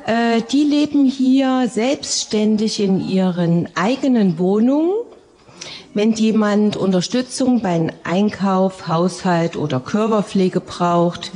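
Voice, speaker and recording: Woman, care worker, slow delivery, friendly prepared welcome. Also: medium pitch, a little mellow. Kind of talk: welcoming presentation.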